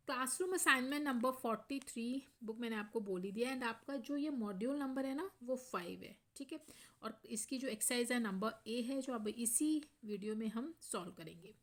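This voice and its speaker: Lady teacher, kinda high voice, slow clear reading of examples, keeps asking if it's clear. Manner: explains step by step, often checks in with "theek hai"; reads example sentences slowly and clearly. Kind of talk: grammar lesson for schoolchildren.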